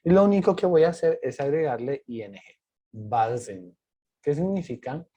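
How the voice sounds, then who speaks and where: A man's voice: a little high, expressive, normal speed, warm tone, husky. A male teacher patiently explaining grammar rules step by step, asking and answering his own questions. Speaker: English teacher.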